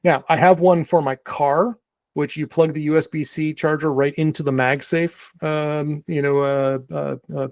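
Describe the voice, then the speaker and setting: Male podcast co-host, casual and rambling, gravelly voice. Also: fairly high pitch, steady tone, moderate pace, dry recording. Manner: rambling, many restarts and fillers. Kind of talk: casual chat.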